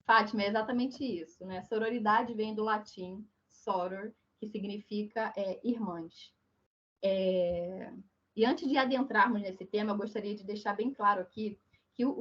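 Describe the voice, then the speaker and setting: A Brazilian woman with a hoarse, croaky duck-like voice from flu, giving an online lecture in a didactic manner, often checking in with her listeners. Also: medium pitch. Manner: didactic, frequent check-in tags. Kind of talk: online lecture on social issues. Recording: dull, muffled online call audio.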